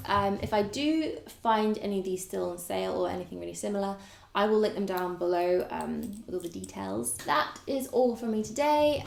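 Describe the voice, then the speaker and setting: A woman's voice: mid-range voice, creaky. A woman vlogger chatting casually and enthusiastically to camera about her clothes. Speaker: fashion vlogger. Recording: echoey room with faint noise.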